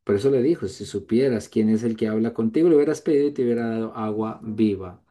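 Male preacher, mellow tone, earnest sermon delivery, swings between high prayerful calls and hushed lines. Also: fast talker. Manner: earnest, rises high on quoted prayers, drops soft on tender lines.

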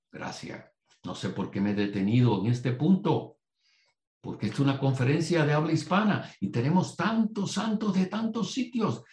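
A Puerto Rican man with a creaky, mid-range voice preaches a sermon at a conference. He's animated and wanders off on tangents, throwing asides to the audience in an echoey hall.

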